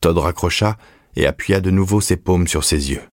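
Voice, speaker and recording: Man, very low voice, steady audiobook narration, dry close recording. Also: no echo. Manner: measured, even storytelling. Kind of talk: scripted narration.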